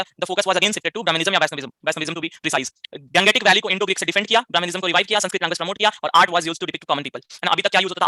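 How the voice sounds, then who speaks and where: Rapid, sharp-voiced male teacher. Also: high-pitched, dry recording. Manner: fires rhetorical questions, frequent tag questions; mixes English phrases into Hindi. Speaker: history teacher. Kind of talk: live online class lecture.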